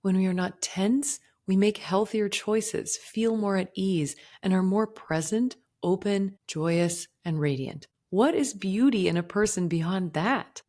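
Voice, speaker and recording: A woman in her forties, a podcast host, sharing a gentle, earnest personal reflection. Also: deep voice. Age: 40s. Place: indoors.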